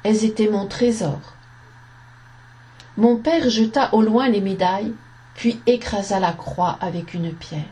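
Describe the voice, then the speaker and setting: A woman reading a story aloud in a slow, measured narration, giving the quoted lines a voice. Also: medium pitch, mellow.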